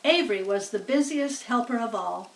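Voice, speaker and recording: Here a storybook reader with a slightly high, expressive voice and some vocal fry moves at a normal speed. She narrates a children's tale plainly in a slow read-aloud style, pausing for casual explanations. It was captured at home and sounds roomy and far off.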